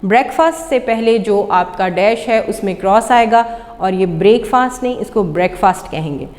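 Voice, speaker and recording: A woman with a Pakistani accent, teaching an English lesson and slowly sounding out each word. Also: mid-range voice, darkish tone, in a large hall. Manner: slow, deliberate sounding-out of words. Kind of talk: classroom lesson on pronunciation.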